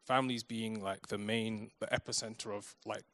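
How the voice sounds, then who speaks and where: A man hosting a casual interview, relaxed and slangy, with lots of "like" fillers. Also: fairly low pitch, normal speed, a little hiss or hum.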